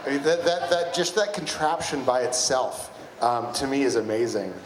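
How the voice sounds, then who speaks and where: An American man casually hosts a live event, using informal and repetitive phrasing in a medium-pitched voice with fairly even intonation at a moderate pace. The echoey room carries clear background noise, including a crowd.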